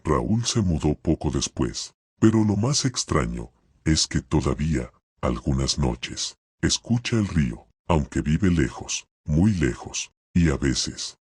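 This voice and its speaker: A man with an extremely low, husky voice reads a horror tale slowly and steadily. The sound is dry and close, with no room around it. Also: big pitch swings, a little mellow, no room sound. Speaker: narrator. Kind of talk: scripted horror narration.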